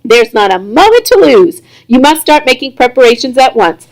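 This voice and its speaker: A woman's voice: high-pitched, very animated, normal speed, poor audio. A woman reading aloud voices an eager elderly grandfather who rattles off urgent instructions.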